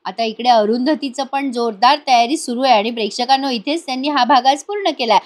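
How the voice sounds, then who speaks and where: High-voiced woman retelling a serial. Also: brisk. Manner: chatty, retelling scenes. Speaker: TV serial reviewer. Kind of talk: voice-over episode review.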